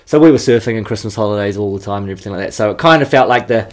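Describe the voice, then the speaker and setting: A man's voice: fairly low pitch, racing. A man from New Zealand with a New Zealand accent, chatting casually as a snowboarder guest in an interview, laid-back and slangy, swearing now and then.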